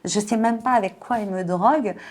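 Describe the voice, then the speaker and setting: A woman in her forties giving a personal testimony in an interview, halting and emotional, often repeating words and filling pauses. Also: mid-range voice, a little mellow. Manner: emotional, earnest.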